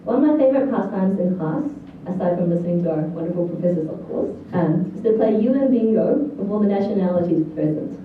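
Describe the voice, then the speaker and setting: Her voice is lowish with lively intonation, moving quickly with hardly any pauses. The speaker, a Chinese-born New Zealander in her thirties with a local accent, gives a prepared valedictorian graduation speech, captured distantly in an echoey hall with thin, lo-fi audio and faint noise.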